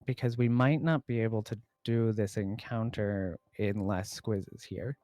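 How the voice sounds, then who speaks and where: A man running a tabletop game as game master, narrating in a relaxed way with lots of fillers. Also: lowish voice, a little slow.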